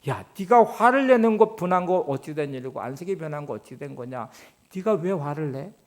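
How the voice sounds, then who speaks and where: A man preaching a sermon as pastor, dropping to soft, low remarks and then rising to loud, emphatic lines, and acting out quoted voices along the way. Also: expressive, fairly quick. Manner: swings between soft, low asides and loud, emphatic rises; acts out quoted voices in dialogue.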